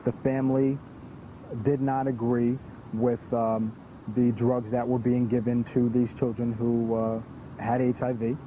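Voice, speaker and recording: Male interviewee, documentary; flat, careful, hesitant delivery, muffled audio with faint noise. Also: medium pitch, unhurried. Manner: careful, searching for words. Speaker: interviewee with knowledge of the case. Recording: dull lo-fi recording.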